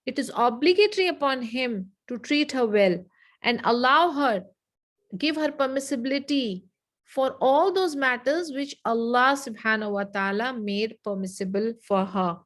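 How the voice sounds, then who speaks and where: A woman leads an online lesson, speaking in a somewhat high voice. She dictates slowly and repeats phrases so her students can take notes. The sound comes through a video call. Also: rough recording. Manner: slow, repetitive dictation with frequent "okay". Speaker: Islamic studies teacher.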